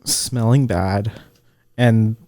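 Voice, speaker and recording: A man's voice: lowish voice, drawn-out words, dark tone, no room sound. A young man co-hosting a podcast in casual chat, laid-back and hesitant, often repeating himself. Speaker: podcast co-host.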